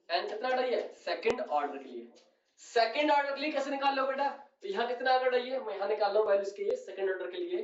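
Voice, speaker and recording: A man's voice: sits high, recorded from a distance. Man teaching chemistry in an echoey room. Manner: addresses students as "beta", keeps asking "clear?". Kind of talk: whiteboard chemistry lecture. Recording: echoey room, voice off-mic, dull sound.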